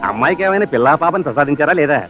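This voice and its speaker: An actor playing a smug, talkative temple priest in a film comedy. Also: male voice, fairly high pitch, lively intonation, racing, lo-fi sound, music in the background, close to an everyday voice. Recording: loud film score behind.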